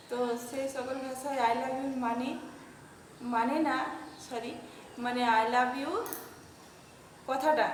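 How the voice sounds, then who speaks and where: A woman's voice: sits high, echoey room, long reverb tail, poor audio. A woman vlogger, chatting casually to her viewers in a home voice-over and stumbling over foreign words. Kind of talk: casual voice-over vlog narration. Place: home, recorded indoors with a motor running. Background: motor hum.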